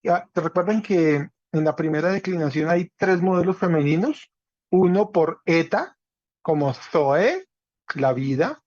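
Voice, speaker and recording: A man with a somewhat high voice teaches a class online. He is patient and keeps checking that his students follow. The call audio is dry and a little muffled. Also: expressive, a little slow, a little mellow, no echo. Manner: patient, checks understanding with "¿cierto?". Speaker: Greek teacher. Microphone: video call.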